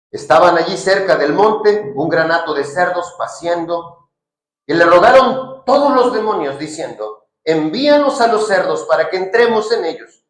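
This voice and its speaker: A male pastor preaching a sermon, telling a story with animated bursts of shouting and questions to the congregation. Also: sits high, reverberant, low-quality recording.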